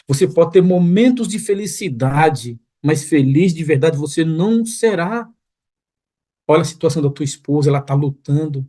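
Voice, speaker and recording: A man's voice: a little high, dark tone. A man preaching as a pastor, telling a story with earnest feeling that rises to pleading intensity. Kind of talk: sermon testimony. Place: online church broadcast room.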